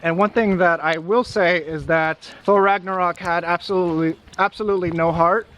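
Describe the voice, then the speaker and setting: A man's voice: high-pitched, fairly even intonation, moderate pace, a bit bright, highs cut off. A young man co-hosting a casual vlog outdoors in the snow, reading viewer comments and chatting with hesitant fillers and restarts. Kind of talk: casual chat.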